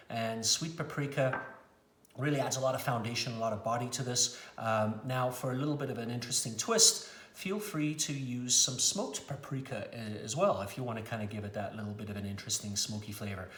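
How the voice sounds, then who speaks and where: A middle-aged male chef from South Africa walks through a recipe at a steady middle pitch, friendly and explanatory, with the odd "um" along the way. The kitchen around him rings with noticeable room echo. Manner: friendly, explanatory, with frequent "um" fillers. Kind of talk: cooking demonstration.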